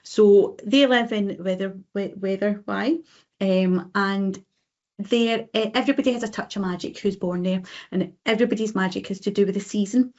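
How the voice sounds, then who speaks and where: A Scottish woman at a mid-range pitch, talking books in a relaxed, chatty way. She fills her sentences with ums and quick uh-huhs. The sound is a little muffled and lo-fi. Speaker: podcast co-host. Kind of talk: casual book chat.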